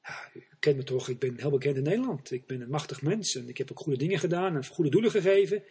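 A man's voice: a little high, expressive, quick pace, a little mellow, husky, heavily acted. A man voicing a self-important rich male banker who boasts and pleads to get into heaven, in a sermon parable. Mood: boastful.

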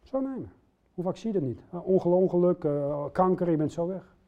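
A man's voice: high-pitched, brisk. A middle-aged man preaching a sermon, speaking earnestly and putting direct questions to his listeners. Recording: dull lo-fi recording.

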